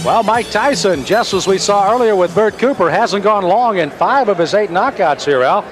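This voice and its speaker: High-voiced American male boxing commentator. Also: lively intonation, normal speed, music in the background. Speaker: sportscaster. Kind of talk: live boxing play-by-play commentary. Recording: broadcast over loud crowd and noise. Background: arena crowd.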